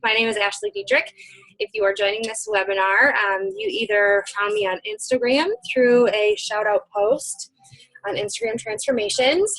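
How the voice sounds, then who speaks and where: A woman's voice: fairly high pitch, big pitch swings, normal speed, fairly bright tone. A young woman from Michigan hosting a casual webinar, chatty with many ums, slightly out of breath, speaking into a computer mic at home. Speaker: webinar host. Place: home room.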